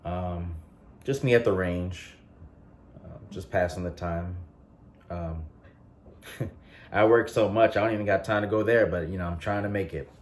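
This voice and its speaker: Deep-voiced man in his late twenties. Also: a little slow, long pauses, slight background noise. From North Carolina. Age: 20s. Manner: relaxed rambling with frequent fillers and restarts. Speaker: vlogger. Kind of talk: casual vlog chat.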